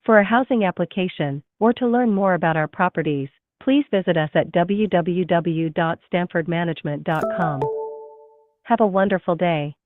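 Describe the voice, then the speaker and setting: A woman's recorded automated phone menu message, announcing options slowly and politely, heard through a phone call. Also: on the low side, over music. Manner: slow, measured, polite announcing. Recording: tinny dry phone line.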